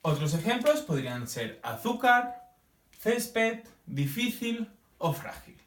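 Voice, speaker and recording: A man explains a grammar lesson, his pitch swooping high and low as he stretches out each example word. He often pauses to check in with the class. He sounds a little far the mic in an echoey room. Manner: lively, drawn-out examples, checking in with "¿sí?". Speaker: teacher.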